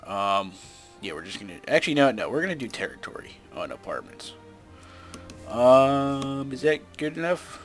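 Hoarse, swearing young man gaming. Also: big pitch swings, normal speed, faint music behind. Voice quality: rough, smoker-like. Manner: profane, grumbling, swings from loud rants to low mutters. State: losing his voice, hoarse. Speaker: gameplay commentator. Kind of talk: casual gaming commentary.

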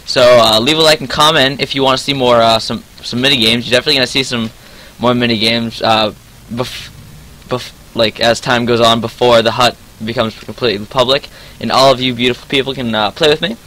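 A young man in his teens commentating his own gameplay, excitable and quick to frustrated outbursts, his voice sometimes cracking. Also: mid-range voice, poor audio. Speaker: gaming channel host.

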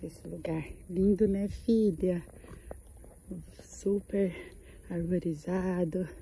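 A woman's voice: steady tone, slow pace, creaky, warm tone, a little hiss or hum, poor audio. Chatty woman vlogging outdoors. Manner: chatty, talks to her dog in a high sweet voice. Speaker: travel vlogger. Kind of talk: casual travel vlog narration. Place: outdoors at a beach resort.

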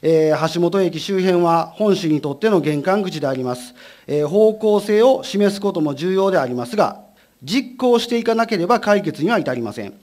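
A man, a city council member, asking formal questions in a council session, measured with many filler pauses. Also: sits high, expressive, a little mellow.

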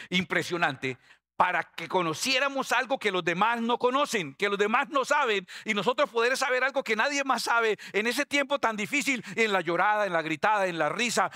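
Male pastor, middle-aged, bright ringing tone, lively sermon style that quizzes the flock. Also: high voice. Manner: animated, questions the congregation directly.

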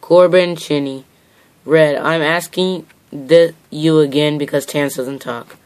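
Mid-pitched host reading questions haltingly. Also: steady tone, smooth. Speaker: host of homemade puppet question show. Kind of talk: reading viewer questions aloud.

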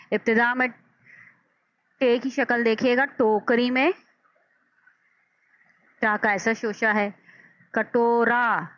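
A woman teacher giving a patient alphabet lesson, sounding out syllables slowly and deliberately. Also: on the high side, a bit bright, dry recording. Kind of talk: slow step-by-step alphabet lesson. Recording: dull lo-fi dry recording.

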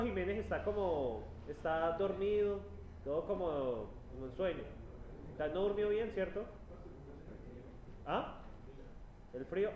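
Guy teaching a uni class, kinda high voice, jokey, keeps asking "right?", muffled lo-fi recording. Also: a little hiss or hum. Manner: chatty, teasing, asks "¿sí?" constantly. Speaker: university lecturer. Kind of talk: classroom lecture. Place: university classroom.

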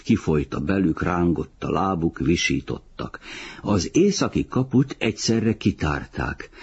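Mély, rekedtes férfi felolvasó. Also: male voice, low-pitched, slightly rough, muffled recording. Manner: calm, measured literary reading. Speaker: audiobook reader. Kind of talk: audiobook narration.

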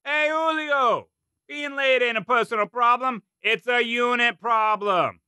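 A man voicing a gruff, stocky male Marine drill sergeant with a Brooklyn accent who barks profane, sarcastic orders. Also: extremely high pitch, measured pace, bright, forceful tone, no room sound, pitched above the performer's own voice, exaggerated voice. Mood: bellowing, sarcastic.

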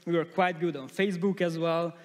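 A man speaks from a large, dark conference stage, his fairly high voice carried by a long hall reverb. He presents at a steady clip, often restarting mid-phrase as he searches for the right English words. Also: fairly quick. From Hungary. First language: Hungarian.

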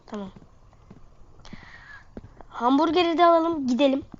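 A woman with a high voice and a stuffy, sniffly nose hosts a gaming video, chatting to her viewers in slangy, casual fashion as she plays. She keeps a measured pace, and the mic sounds dull and lo-fi.

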